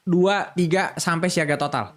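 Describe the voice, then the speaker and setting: A man's voice: a little high, moderate pace. A man playing a police officer in a game roleplay, answering questions in a formal, deferential manner. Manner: formal, deferential, addressing her as ma'am. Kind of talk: in-character roleplay chat. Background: background music.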